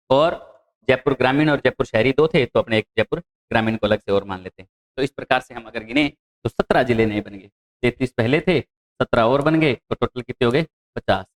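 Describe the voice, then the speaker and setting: A man teaching an exam-prep geography lecture in Hindi with a Rajasthani accent, asking his own questions and answering them and repeating key answers. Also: mid-range voice. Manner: lists place names in quick runs.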